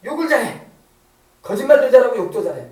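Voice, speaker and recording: Pastor, man, middle-aged, high voice with a mellow tone, emphatic repetitive preaching, echoey church from a distance. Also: sing-song, brisk. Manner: rhetorical questions, emphatic repetition. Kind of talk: sermon. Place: church sanctuary.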